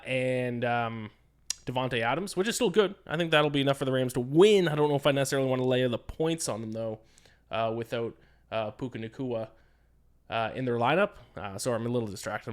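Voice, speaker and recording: A man's voice: medium pitch, a little fast. Tired man rambling through betting picks. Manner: rambling, distracted, frequent "uh" and "um". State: tired, yawning. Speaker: sports betting podcast host. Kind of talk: casual solo podcast commentary.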